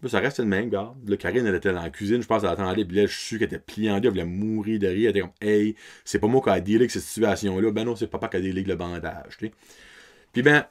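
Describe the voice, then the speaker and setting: A podcast host in his thirties with an Acadian French accent tells a story at a racing clip, his voice sitting on the low side. He keeps it casual and laughs along, slipping English words into his French.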